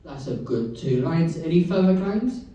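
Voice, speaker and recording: A man calling bingo numbers in a steady sing-song, repeating each pair of digits before the full number, in a large hall. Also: on the high side, normal speed, muffled recording. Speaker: bingo caller. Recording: echoey hall, voice from far off.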